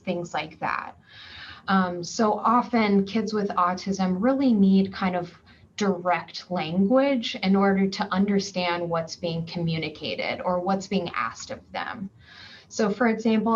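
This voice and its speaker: A woman presenting at a virtual conference session, explaining steadily and patiently, with frequent ums and worked examples along the way. Her voice comes through a slightly dull video-call recording, with a faint hiss of noise underneath. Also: mid-range voice. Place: home or office, remote virtual session. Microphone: computer mic on a video call.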